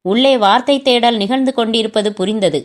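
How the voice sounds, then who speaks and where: A woman reads a novel aloud in the first person. Her storytelling is steady and measured, and her voice sits fairly high. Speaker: story narrator.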